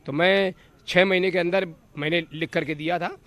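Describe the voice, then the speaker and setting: A man with a fairly high voice answers a reporter like a political speech. He piles up repeated phrases for emphasis. The delivery stays steady and declamatory. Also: normal speed. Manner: rhetorical, listing slogans. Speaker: politician, legislator.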